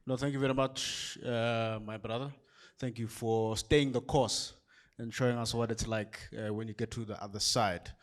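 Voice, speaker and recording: A South African man hosts and closes an evening event. He speaks in a measured, explanatory way at an ordinary pitch and walks the audience through his points. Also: fairly even intonation. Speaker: event host. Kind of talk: closing remarks at an event.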